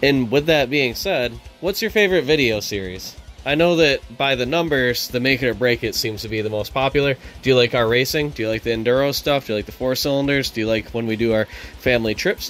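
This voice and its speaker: A relaxed man in his thirties talks through his car channel's milestone in a loose, self-deprecating way, with plenty of fillers. His voice sits at an ordinary middle pitch. Quiet music plays faintly underneath. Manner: laid-back, self-deprecating, rambling with fillers. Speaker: channel host. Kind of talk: casual vlog narration.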